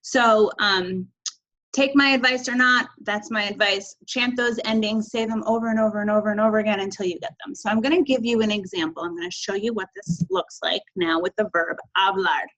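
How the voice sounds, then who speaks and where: A woman's voice: medium pitch, steady tone, fairly quick, a bit bright, lo-fi sound. Upbeat woman teaching a recorded lesson. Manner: chanting verb endings, upbeat and encouraging. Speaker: Spanish teacher. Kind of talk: recorded classroom video lesson.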